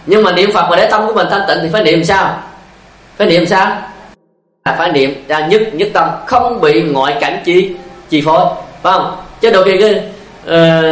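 A man's voice: high voice, roomy sound, low-quality recording. A male Buddhist monk giving a dharma talk, asking rhetorical questions and telling stories. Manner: repetitive, asks rhetorical questions, tells stories. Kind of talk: sermon with anecdotes.

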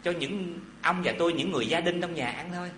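A man's voice: on the high side, fast talker, fairly bright tone, slight background noise, natural voice. A man doing a rich miser's coaxing wife. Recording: echoey hall with faint ambience.

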